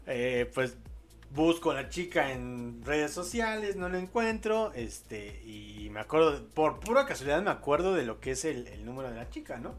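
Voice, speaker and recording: A man's voice: mid-range voice, very animated, moderate pace, soft background music. A young man with a Mexican accent hosting a late-night podcast, rambling through a casual story with lots of jokes. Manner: rambling, lots of fillers and restarts, joking. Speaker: podcast host.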